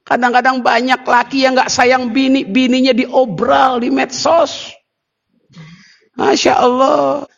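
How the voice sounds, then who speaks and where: A man giving a sermon, lively and teasing as he jokes with the audience. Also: very high-pitched, slow, gravelly, long reverb tail, lo-fi sound. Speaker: preacher.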